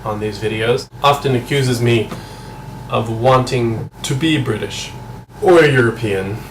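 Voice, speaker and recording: A man's voice: mid-range voice, measured pace. Musing American man in an echoey room. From United States. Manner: musing, conversational, asks himself questions. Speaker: vlogger. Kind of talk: casual vlog monologue to camera. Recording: echoey room, mic at a distance, air conditioner hum.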